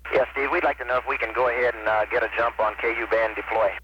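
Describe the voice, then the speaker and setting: Male astronaut on space radio link, muffled lo-fi, easy halting delivery. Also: medium pitch. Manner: halting, relaxed radio talk with fillers. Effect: space-to-ground radio transmission. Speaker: shuttle astronaut. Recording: muffled, lightly hissy archive radio.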